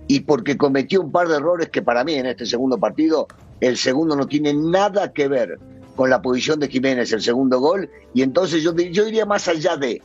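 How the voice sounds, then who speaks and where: Man, Argentine accent, insistent debater, raspy, muffled sound. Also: fairly high pitch. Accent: Argentine Spanish. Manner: insistent, argumentative. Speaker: sports pundit, former player. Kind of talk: studio sports debate.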